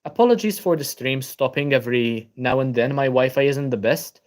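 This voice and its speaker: Greeting viewers by name, a tired young Maltese man reads comments aloud and responds during a casual book channel livestream at his home laptop. His first language is Maltese, and his mid-range voice moves a little fast, relaxed and peppered with ums.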